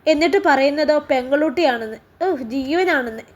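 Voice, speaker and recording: A woman's voice: sits high, moderate pace, natural voice. A woman reading a spiteful, jealous young woman in a spoken story, sneering and complaining. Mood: aggrieved.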